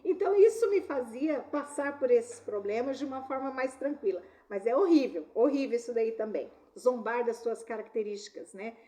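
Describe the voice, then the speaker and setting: Earnest high-voiced Brazilian woman. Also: normal speed, hardly any pauses, dark tone. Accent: Brazilian Portuguese. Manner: earnest, often ends sentences with "né?". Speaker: speaker on workplace harassment. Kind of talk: talk with personal stories.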